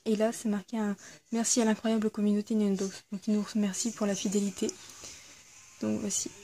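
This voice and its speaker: A woman's voice: medium pitch, level tone, brisk, warm tone. A woman chatting casually through an unboxing video, hesitant, with lots of fillers and self-corrections. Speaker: YouTuber reviewing a subscription box.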